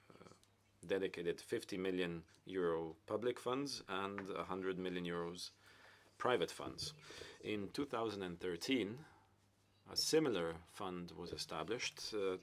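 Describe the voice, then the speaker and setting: A deep-voiced man is interpreting into English in real time on a conference panel, his delivery broken by frequent hesitant pauses and fillers.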